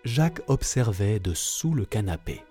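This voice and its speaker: A man reading a children's fairy tale aloud, telling it in a slow, expressive way. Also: fairly low pitch, faint music behind. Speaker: narrator.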